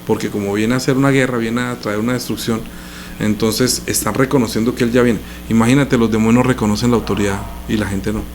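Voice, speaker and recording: A man's voice: mid-range voice, darkish tone, a little hiss or hum. A male pastor teaching a sermon in a conversational way, explaining scripture with everyday examples.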